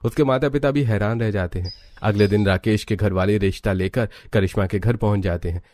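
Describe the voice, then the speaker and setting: Low-voiced man narrating a cartoon. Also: fairly quick. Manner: steady storytelling. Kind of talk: scripted storytelling narration.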